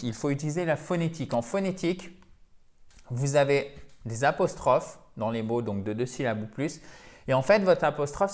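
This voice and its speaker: A man explains English pronunciation in a lively, teacherly way, stepping through examples one at a time. His voice sits in a middle pitch.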